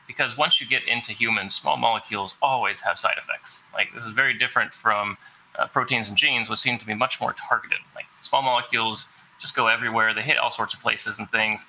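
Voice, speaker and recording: A man's voice: fairly low pitch, creaky, pushed and bright, muffled recording, slight background noise. A man in a casual science discussion, speaking skeptically with hedges. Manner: skeptical, hedging. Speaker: discussion participant.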